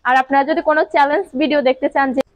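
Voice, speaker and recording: A woman's voice: high-pitched, steady tone, quick pace. A woman vlogger from Sylhet chatting casually and talking straight to her viewers. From Sylhet, Bangladesh. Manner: chatty, addresses viewers directly. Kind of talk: casual family vlog chat.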